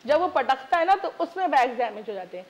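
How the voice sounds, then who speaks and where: A high-voiced woman chats emphatically as a guest in a TV studio. She talks about her bag business in a casual, lively way, speaking through a lapel mic. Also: fast talker. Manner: chatty, emphatic, mixes English words. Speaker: guest, preloved bag seller. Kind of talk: casual talk show chat.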